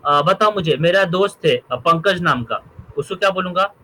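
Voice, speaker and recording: High bright-voiced male teacher. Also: normal speed, slight background noise, rough recording. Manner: checks understanding often, explains by examples. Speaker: English teacher. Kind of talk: spoken grammar lesson.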